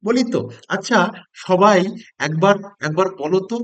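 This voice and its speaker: A man giving a model lesson, talking to imagined young pupils and then to trainee teachers, with slow, drawn-out stress on key words. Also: sits high, muffled recording. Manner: lively, animated classroom delivery to imagined children. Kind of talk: demo class for teaching-job candidates.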